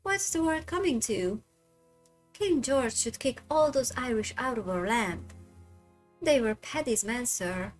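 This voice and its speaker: A woman voicing a gruff, suspicious working-class Victorian man. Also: fairly high pitch, lively intonation, unhurried, soft background music.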